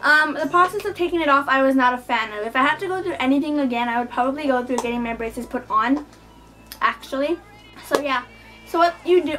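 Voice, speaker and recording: A woman's voice: sits high, a bit bright, low-quality recording. A young woman vlogger chatting casually to camera, with a slight lisp from wearing a retainer. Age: teens to young adult. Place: small bedroom indoors.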